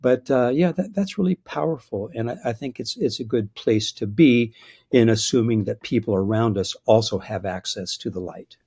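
A man in his sixties, a biblical scholar, answers interview questions thoughtfully, often restarting his sentences and chuckling at his own points. His voice is medium-pitched and a little mellow with a breathy edge, at a normal speed.

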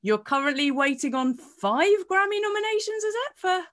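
A woman interviewer asks friendly questions in a slightly high voice. She chats and teases, stumbling over and restarting her phrasing as she goes. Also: big pitch swings, moderate pace, fairly bright tone. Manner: chatty, teasing, repeats herself.

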